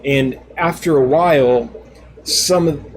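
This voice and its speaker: A man's voice: a little high, slow pace, slight background noise, poor audio. Chatty man hosting a live stream. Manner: chatty, reads out viewer comments and answers them; laughs often, self-deprecating. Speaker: live stream host and fish seller. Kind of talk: casual live chat.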